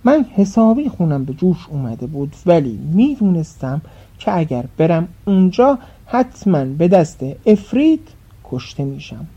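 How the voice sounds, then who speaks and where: A woman storyteller in a dramatic, expressive scripted narration, on a dull lo-fi recording. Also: fairly low pitch, breathy edge.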